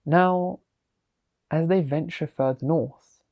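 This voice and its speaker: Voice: medium pitch, takes it slowly, a little mellow. A storyteller narrating a fantasy tale in a chatty way, with frequent asides to the listener.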